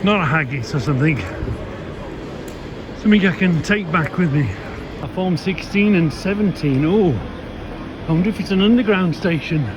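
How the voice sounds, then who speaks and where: A man's voice: high voice, moderate pace, long pauses. A man, musing aloud in a casual, rambling travel vlog recorded around trains and stations. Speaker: travel vlogger. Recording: noisy handheld recording amid station and train noise.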